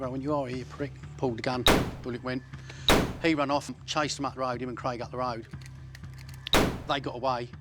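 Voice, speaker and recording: A man telling his story in a documentary interview, bluntly and with swearing. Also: mid-range voice. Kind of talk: documentary interview recounting events.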